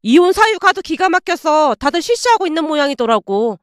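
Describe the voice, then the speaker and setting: A chatty female nurse trading hospital gossip in a confiding, knowing tone, as a woman reading a story puts her on. The voice sits high and sounds dry, with no room around it. It is told as a spoken storybook. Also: big pitch swings, fairly quick, no echo.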